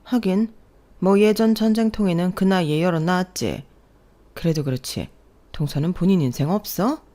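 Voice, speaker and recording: A woman's voice: on the low side, moderate pace, mellow, lightly acted. A woman voicing condescending older sisters-in-law in an audio story, mocking the young bride sarcastically. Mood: sneering.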